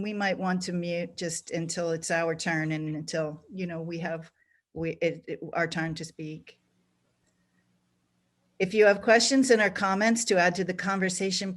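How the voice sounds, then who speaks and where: A woman's voice: on the low side, little pitch movement, normal speed. A woman hosting and introducing speakers at an online event over a video call, speaking earnestly with small restarts. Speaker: program director and event host. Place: home or office on a video call.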